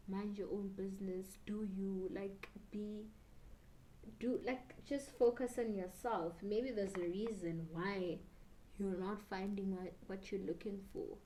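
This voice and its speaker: A South African woman in her twenties talks casually to camera, a little tipsy and rambling. Her voice is dark and relaxed at a medium pitch, slipping between English and Zulu. Faint noise sits behind her in a small room. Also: rough recording. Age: 20s. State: slightly tipsy. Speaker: beauty YouTuber. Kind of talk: casual chat while doing makeup. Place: small bedroom indoors.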